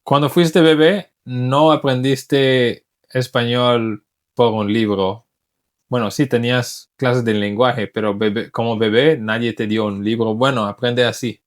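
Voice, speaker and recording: A man's voice: mid-range voice, fairly even intonation, a little slow. Man, native english speaker, english teacher, casual spanish talk, thoughtful, restarts words.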